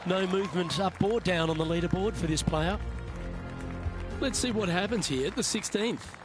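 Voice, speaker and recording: A man playing a composed, encouraging golf commentator in a video game, calling play in measured, clipped phrases. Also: high-pitched, music in the background, natural voice. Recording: outdoor crowd and ambient noise behind.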